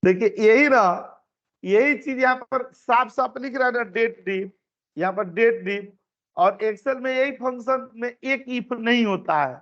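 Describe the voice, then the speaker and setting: An instructor teaching an online class explains things step by step, repeating his phrases, in a very high-pitched, fairly bright voice at an unhurried pace. He is heard through a computer mic on a video call, and the meeting recording sounds dull and lo-fi.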